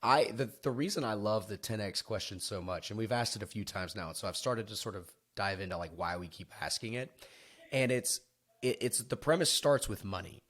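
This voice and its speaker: A man with a slightly low voice hosts a relaxed business podcast. He rambles and restarts his sentences, often joking at his own expense. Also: a little fast. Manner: rambling, self-deprecating, many restarts. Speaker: podcast host. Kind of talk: casual business podcast chat.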